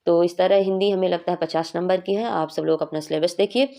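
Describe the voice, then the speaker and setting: A woman's voice: fairly low pitch, fairly even intonation, fairly quick, creaky, mellow. A young woman teaching a Hindi exam revision class, explaining each answer patiently and often checking in with her students.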